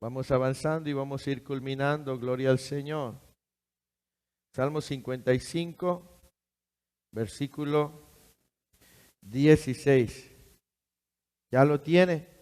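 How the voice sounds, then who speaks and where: A man's voice: mid-range voice, fairly even intonation, slow, pauses often, darkish tone, clear, resonant tone. A man preaching a sermon, emphatic and full of rhetorical questions to his congregation in a church hall. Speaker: pastor. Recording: long hall reverb.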